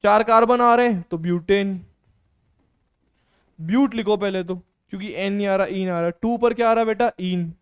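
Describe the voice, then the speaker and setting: A male chemistry teacher with a high-pitched voice and a clean tone speaks at a moderate pace. His lecturing style is casual and encouraging, and he keeps posing questions to students and answering them himself, often calling them "beta".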